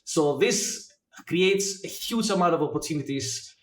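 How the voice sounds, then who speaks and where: A man in his forties, originally from Greece, explaining his work as a guest, with many filler pauses between thoughts. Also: a little high, expressive. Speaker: guest, blockchain educator. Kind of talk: interview answers. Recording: echoey room.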